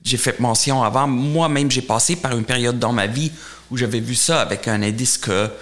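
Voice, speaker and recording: A middle-aged man from Germany speaking French as a second language with a German accent, answering interview questions in a halting way, often repeating words. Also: medium pitch, a bit bright. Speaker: portfolio manager, interview guest.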